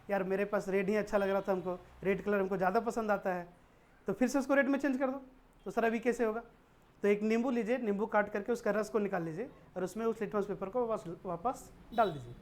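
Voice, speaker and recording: A woman's voice: mid-range voice, fairly even intonation, fairly quick, darkish tone. Woman teaching chemistry with rhetorical questions. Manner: asks rhetorical questions and answers them herself; mixes English technical terms into explanations. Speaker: science teacher. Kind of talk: classroom-style chemistry lesson.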